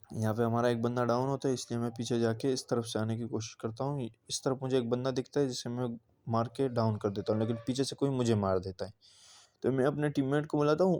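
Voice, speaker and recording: Male gaming narrator: casual voice-over commentary, mellow tone, mid pitch, addresses viewers directly. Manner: casual, talks straight to viewers in a recounting tone. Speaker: gaming channel creator.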